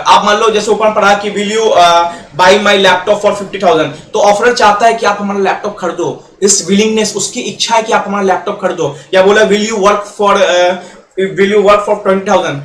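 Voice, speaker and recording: A man teaching a lecture, explaining with quick role-played examples and mixing in English terms. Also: high voice, a bit bright. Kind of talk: classroom-style lecture. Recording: echoey room, faint background noise.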